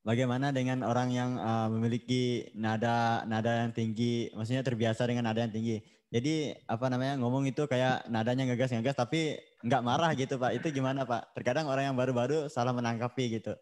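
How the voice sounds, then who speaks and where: A student asking a polite question in an online class. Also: male voice, medium pitch, steady tone, brisk, darkish tone.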